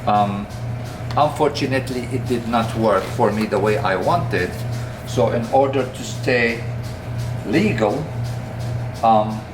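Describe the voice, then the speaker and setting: An older man talks slowly and earnestly about his years running a shop, pausing often to find his words. He sounds a little away from the microphone in a roomy space. Music plays clearly in the background. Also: medium pitch. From Palestinian, raised in Kuwait. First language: Arabic. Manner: measured and earnest, frequent hesitations. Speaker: peanut shop owner. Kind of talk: documentary interview, life story. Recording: roomy shop, mic at a distance, music behind.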